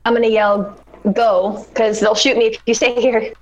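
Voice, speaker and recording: A woman's voice: fairly high pitch, little pitch movement, brisk, lo-fi sound. A woman playing a tabletop game over voice chat, planning her move aloud. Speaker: player.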